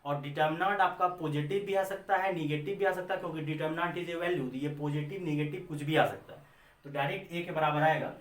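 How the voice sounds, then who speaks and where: An Indian man teaches maths in a classroom lecture, repeating his points and answering his own questions. His voice sits a little high. The recording is roomy and echoey, with the mic set some way off. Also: steady tone, a little fast, fairly bright tone. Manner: addresses students as children. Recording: echoey room, mic far off.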